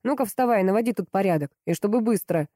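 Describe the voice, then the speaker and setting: A gruff, growling boss, blunt and domineering, as a woman narrator puts him on. The voice is mellow and dark, dry and close to the mic. Audiobook character reading. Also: mid-range voice, expressive, fast, dry recording, close to an everyday voice. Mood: furious. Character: angry blunt rich man, domineering boss.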